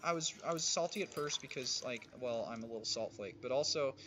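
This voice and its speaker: Hosting a gaming livestream with friends sitting nearby, a man chats casually while playing, rambling with many restarts and fillers. His mid-range voice is brisk, pushed and bright.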